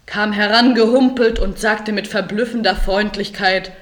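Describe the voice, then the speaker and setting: A woman giving scripted first-person narration of an adventure story in a measured, vivid manner. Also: medium pitch, steady tone, fairly bright tone.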